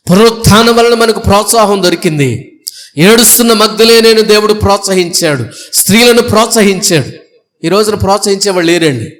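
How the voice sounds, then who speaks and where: Casting male pastor, high voice, fervent Easter sermon, drills rhetorical questions at the congregation. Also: fairly bright tone. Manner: emphatic, rhetorical questions and repeated lists. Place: church before a congregation.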